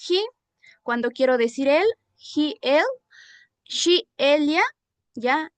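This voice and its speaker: A woman's voice: high voice, no room sound. A woman teaching a classroom English lesson in Spanish with a Peruvian accent, patiently repeating examples and checking that students follow. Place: school class session.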